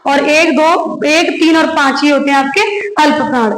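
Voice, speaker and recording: A woman teacher with a very high voice walks through a lesson slowly, repeating each point. She keeps asking her listeners questions and answering them herself. The room around her is echoey. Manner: slow, repetitive, quizzing listeners with questions. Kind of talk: classroom lecture.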